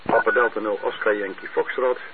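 A man's voice: fairly low pitch, a little fast. A man heard over a two-way radio transmission, running an amateur radio net and reading out call signs with many hesitant fillers. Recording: narrow tinny radio with faint hiss.

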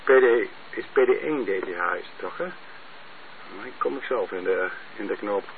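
A man's voice: lowish voice, moderate pace. Man on a tinny two-way radio. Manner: reads out call signs, hesitant with many fillers. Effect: voice heard over a two-way radio transmission. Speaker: amateur radio net controller. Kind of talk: running a radio net check-in. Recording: narrow tinny radio with faint hiss.

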